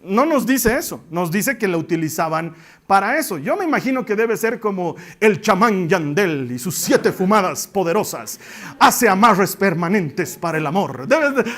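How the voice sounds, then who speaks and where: A man's voice: sits high, a bit bright. A man with a Bolivian accent preaching a sermon, retelling the story with humor and asides to his listeners. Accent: Bolivian Spanish.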